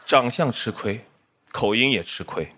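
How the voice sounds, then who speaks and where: A middle-aged man from Shanghai, China, a comedian and actor appearing as a roast guest, performs a self-mocking set with timed punchlines on a studio stage before a live audience. His voice is fairly low, animated and unhurried, with loud laughter and noise from the crowd.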